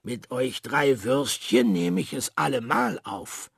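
A man voicing a small, timid but brave earthworm in a storybook reading, faking a gruff voice to bluff. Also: medium pitch, sing-song, slow, dry recording, clean studio sound, voice pushed up, exaggerated voice. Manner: trembling, then gruff when bluffing.

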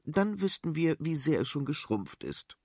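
Prinzessin Adela: Mann als besonnene Prinzessin. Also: male voice, a little high, very animated, normal speed, darkish tone, breathy edge, no room sound, clean studio sound, voice pushed up, full character voice. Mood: patient. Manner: patient, level-headed. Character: calm, sensible young princess.

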